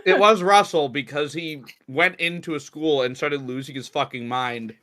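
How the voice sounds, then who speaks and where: A man playing in a tabletop game, narrating his character's actions in an animated, swearing way. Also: fairly high pitch. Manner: animated, swearing, quick laughs. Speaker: player. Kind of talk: casual tabletop game chat.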